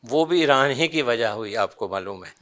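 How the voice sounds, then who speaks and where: A man's voice: medium pitch, lively intonation, fairly bright tone. An older man, an interview guest recounting political memories and quoting others in a mix of Urdu and English. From Pakistan.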